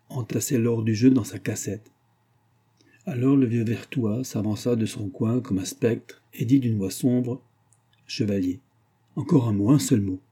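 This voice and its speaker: Husky dark-voiced male narrator. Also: mid-range voice. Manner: measured, storytelling. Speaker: audiobook narrator. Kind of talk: scripted literary narration.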